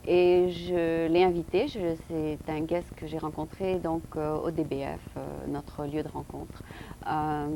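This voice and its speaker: A woman's voice: deep voice, little pitch movement, a little slow, noisy background. A middle-aged woman from France hosting a TV interview, hesitant, with many fillers and restarts. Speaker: TV interviewer host. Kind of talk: casual interview on a community TV show.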